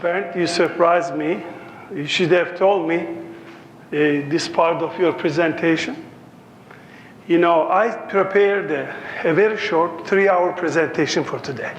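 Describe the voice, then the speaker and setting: A man's voice: a little high, a little slow, slight background noise. A man in his sixties from Turkey with a Turkish accent, giving a conference lecture in a joking, anecdotal way. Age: 60s.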